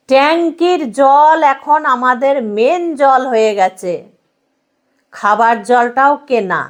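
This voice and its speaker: Slow, emphatic woman preaching. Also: on the high side. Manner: repetitive emphatic preaching lists; addresses listeners directly with rhetorical questions. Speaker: religious speaker. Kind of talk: devotional sermon.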